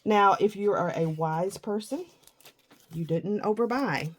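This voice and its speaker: A middle-aged scrapbooking vlogger with a husky morning voice chats casually and self-deprecatingly about her crafting supplies. Her voice is mid-range and unhurried.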